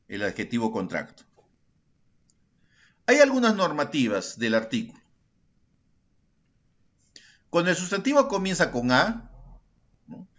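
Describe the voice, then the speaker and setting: A male secondary school teacher with a mid-range, pushed and bright voice gives a recorded grammar lesson. He patiently explains, speaks directly to his students, repeats key words, and checks in with frequent tag questions.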